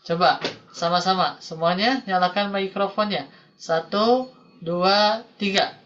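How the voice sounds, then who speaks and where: A woman's voice: mid-range voice, a little slow, fairly bright tone, lo-fi sound, slight background noise. A woman teaching a recitation class over a video call, patiently explaining and often checking in with her students. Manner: patient, repeats "ya" and "Ibu Bapak" often. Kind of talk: online tajwid class, explaining slowly.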